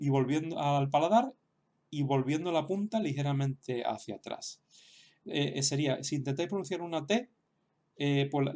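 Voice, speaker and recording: A man's voice: medium pitch, darkish tone. A man giving an explanatory lesson as a teacher, talking hesitantly with many fillers and restarts. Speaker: Sanskrit teacher.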